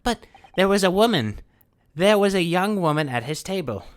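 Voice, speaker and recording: Earnest young male defense lawyer, read by a man with a sore throat; urgent and animated. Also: sits high, moderate pace, clean tone, pitched above the performer's own voice. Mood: insistent.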